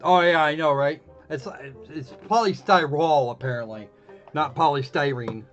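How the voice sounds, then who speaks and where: This is casual livestream commentary from a man playing a visual novel, speaking at a moderate pace in a fairly high, slightly bright voice. He's sarcastic and keeps restarting his sentences, recorded on a dull lo-fi stream mic with faint game music behind.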